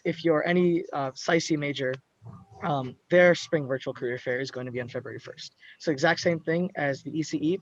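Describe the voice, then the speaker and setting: A man running a student club's video call, announcing upcoming events in a loose, casual way with many ums and uhs. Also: mid-range voice. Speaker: student club officer hosting a meeting. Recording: muffled video-call audio.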